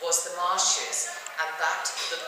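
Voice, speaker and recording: A woman reading a classic novel aloud with measured, drawn-out phrasing. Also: on the low side, level tone, noisy background. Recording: echoey hall.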